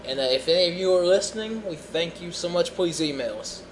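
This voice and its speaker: A young man with a slightly raised pitch co-hosts a casual podcast. He has the hiccups and talks in a rambling, jokey way, full of restarts. A faint air-conditioner hum sits behind his voice. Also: lively intonation, a little fast, poor audio. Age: young adult. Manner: rambling, self-interrupting, jokey. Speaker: podcast co-host.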